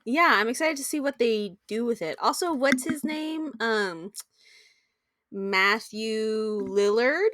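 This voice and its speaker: A woman co-hosting a casual podcast, bubbly and given to excited gasps, her voice coming through a tinny backup microphone. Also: fairly high pitch, slow, no echo. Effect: tinny, like talking through a tin can. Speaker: podcast co-host. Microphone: makeshift backup microphone.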